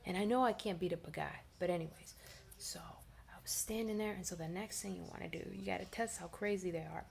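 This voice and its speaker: Gravelly-voiced young woman drifting into whispers. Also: a little fast. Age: 20s. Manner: animated, rambling, frequent fillers like "you know"; drops often into a low whisper. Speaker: vlogger. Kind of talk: casual personal storytelling with safety tips.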